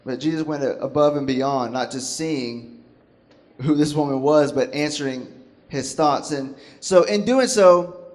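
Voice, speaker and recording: A man preaching a sermon in a church, talking in an animated, conversational and joking way as he acts out quotes. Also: fairly high pitch, measured pace. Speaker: pastor.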